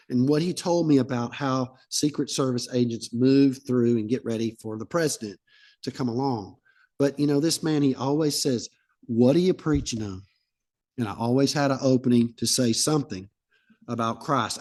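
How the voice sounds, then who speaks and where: A man, a pastor, preaching a sermon in a conversational, anecdotal way and acting out bits of dialogue. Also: fairly high pitch.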